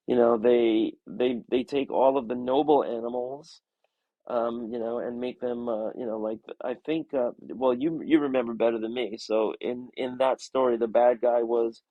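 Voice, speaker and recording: A man's voice: mid-range voice, steady tone, moderate pace, no echo, phone-quality sound. A man co-hosting a comics chat show and talking casually, rambling with lots of filler words. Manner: rambling, many "you know" fillers. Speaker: comics podcast co-host and art teacher. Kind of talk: casual conversation.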